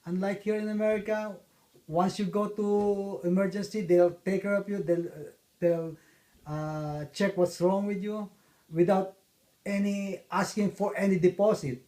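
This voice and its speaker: A middle-aged man from the Philippines, answering interview questions about his life in a halting way with many fillers. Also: high-pitched, fairly even intonation, mellow. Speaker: interviewee, father.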